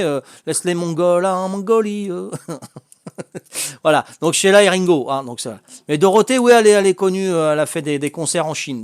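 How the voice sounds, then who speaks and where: A man's voice: a little high, dry recording. Chatty Corsican man hosting a family quiz. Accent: Corsican French. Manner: chatty, laughs often, reads out answers. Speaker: quiz host.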